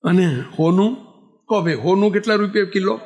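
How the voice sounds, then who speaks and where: Speaking briskly in a high voice, a monk delivers a sermon full of lively stories and rhetorical questions aimed at his listeners.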